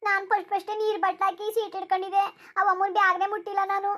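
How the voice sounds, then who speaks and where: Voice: very high voice, flat delivery, racing, pushed and bright. A performer voicing a young daughter in a cartoon, plaintive and defensive as she complains to an uncle. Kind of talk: cartoon voice acting.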